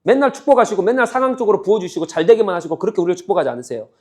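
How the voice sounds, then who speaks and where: A male pastor preaching a sermon, asking his listeners questions and acting out the quoted voices in a lively back-and-forth. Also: sits high, very fast. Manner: asks the congregation questions and answers them. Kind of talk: sermon teaching on a Bible book.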